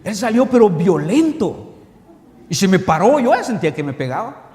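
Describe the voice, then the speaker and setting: A man preaching a sermon, animated and full of rhetorical questions to the congregation. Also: high voice, moderate pace. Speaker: pastor. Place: church hall. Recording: echoey church hall with long reverb.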